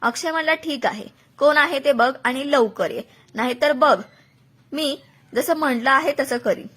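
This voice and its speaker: A woman's voice: high-pitched, a little slow, fairly bright tone. A woman narrating a dramatic first-person story, reporting what each person said as she goes. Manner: recounts events, voicing others' words within her telling.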